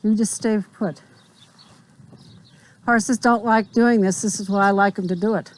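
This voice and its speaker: A woman's voice: medium pitch, fairly even intonation, measured pace. A woman riding instructor outdoors, explaining drill directions firmly and checking that her riders understand. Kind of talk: spontaneous hands-on instruction.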